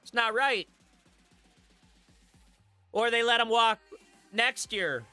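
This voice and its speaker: Chatty streamer guy, high-pitched, close dry mic. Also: slow, bright, forceful tone, clean tone, no room sound, faint music behind. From Michigan. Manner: chatty, laughs at his own jokes. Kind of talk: live stream chat with viewers.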